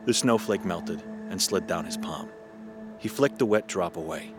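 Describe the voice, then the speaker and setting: Low-voiced male story narrator. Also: moderate pace, over music. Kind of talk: scripted narration.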